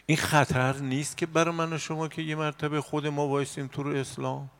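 Gravelly-voiced man preaching a sermon. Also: level tone. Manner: swings from loud exhortation to low murmuring.

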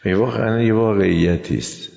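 Deep, gravelly older preacher in a reverberant hall. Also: male voice, a little mellow. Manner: folksy storyteller who acts out the voices in his tales. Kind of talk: colloquial sermon with storytelling. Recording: dull lo-fi sound with long hall reverb.

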